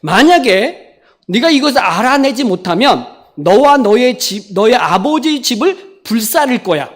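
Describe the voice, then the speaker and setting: A woman's voice: on the high side, sing-song, normal speed. A woman voicing a group of young men issuing a blunt threat in a sermon retelling. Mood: threatening.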